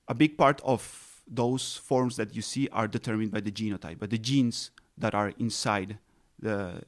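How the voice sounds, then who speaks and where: Colombian-raised man explaining science patiently. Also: mid-range voice. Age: 30s. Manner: explains patiently, many restarts and fillers. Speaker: ecologist guest. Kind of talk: interview answers, explanatory.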